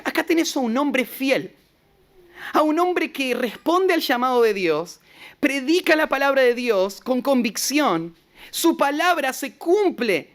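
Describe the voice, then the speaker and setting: A man with a Rioplatense Argentine accent, preaching an expository sermon as pastor, retelling scripture with rhetorical asides and often repeating short words. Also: very high-pitched. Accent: Rioplatense Argentine Spanish.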